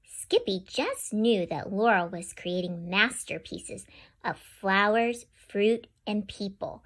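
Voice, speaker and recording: This storyteller is a woman host reading a children's picture book aloud at an unhurried pace, her voice medium in pitch. She's lively and keeps turning to speak right to the kids listening.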